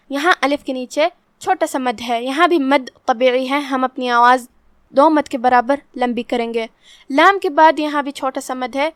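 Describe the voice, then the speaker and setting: A woman teaching Quran recitation rules, explaining each letter calmly and reciting verses very slowly. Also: high voice, no room sound, clean studio sound. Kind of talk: tajweed lesson with slow recitation.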